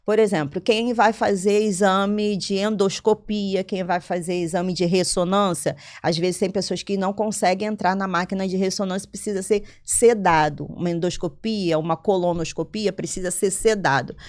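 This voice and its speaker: A woman's voice: mid-range voice, normal speed, hardly any pauses. Woman telling her story animatedly. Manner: animated, acts out her own quotes, frequent "entendeu?". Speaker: interview guest, business owner. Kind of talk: casual interview storytelling.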